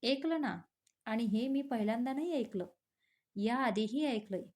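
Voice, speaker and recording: A woman's voice: fairly high pitch, measured pace, a little mellow, lightly acted. A woman voicing a sweetly smug, scheming young fiancée in a storybook romance.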